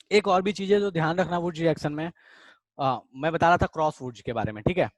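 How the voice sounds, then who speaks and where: A man teaches a chemistry class in a loose, conversational way, joking with his students and answering their chat comments. His voice sits a little on the high side. The sound is dry and close, with no room around it. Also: fairly quick, dry recording. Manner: chatty, addresses students as beta, reads out their chat comments. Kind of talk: casual online class lecture.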